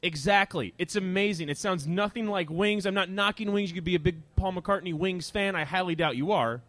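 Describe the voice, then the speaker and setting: A man hosting a live talk show outdoors, rambling through a joking monologue with asides to the audience, sometimes shouting. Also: sits high, brisk.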